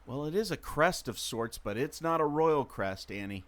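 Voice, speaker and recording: A podcast host acts in an amateur radio adventure drama, voicing a resourceful, know-it-all former mariner who explains things emphatically. His slightly high, expressive voice moves at normal speed and sounds close to everyday speech, with an intrigued, secretive mood. Noticeable ambient background noise is present.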